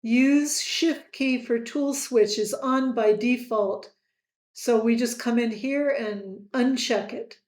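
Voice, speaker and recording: Woman software tutor, unhurried, slightly high voice, echoey room on a desk mic. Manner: slow, friendly quiz-style asides. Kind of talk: screen-recorded tutorial.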